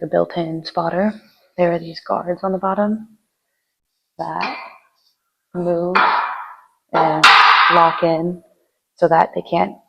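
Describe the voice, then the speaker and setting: Woman, gym vlog, husky voice, casual rambling tips, breathless between sets. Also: on the low side, poor audio. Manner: chatty, rambling, with fillers. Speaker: fitness vlogger.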